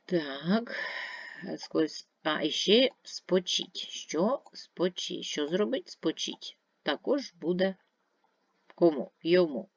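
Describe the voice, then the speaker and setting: A woman teacher walks through a grammar lesson step by step, asking questions and answering them herself. Her voice swings widely in pitch and has a gravelly edge. The sound is dry and a little dull. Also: no echo. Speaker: primary school teacher. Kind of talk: video lesson explaining grammar.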